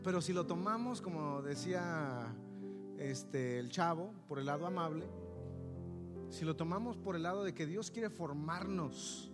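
Lively Mexican pastor preaching in a hall. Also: male voice, a little high. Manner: lively, asks the congregation "¿sí o no?". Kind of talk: sermon. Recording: reverberant hall with faint music.

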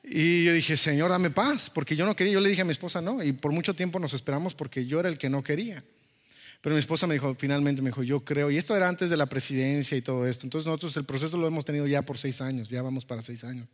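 A man preaching a personal testimony, telling the story in a lively way and acting out the dialogue. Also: a little high, quick pace, in a large hall. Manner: storytelling, animated, acts out dialogue. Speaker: pastor. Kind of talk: sermon testimony.

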